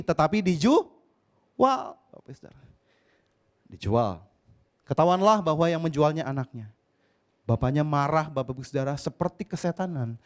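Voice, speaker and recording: A male pastor telling a story dramatically in a church sermon, often addressing the congregation directly. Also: fairly high pitch.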